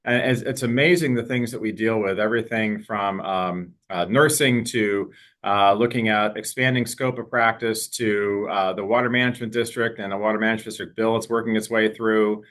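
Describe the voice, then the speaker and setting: A man serving as a state representative, giving a steady explanatory update in an interview over a video call. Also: fairly low pitch, moderate pace.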